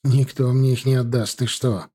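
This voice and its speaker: A weary middle-aged factory director in an audiobook, gloomy and resigned, read by a man. The voice is dark and mellow, with a tired sound. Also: medium pitch, fairly even intonation, moderate pace, breathy edge, natural voice.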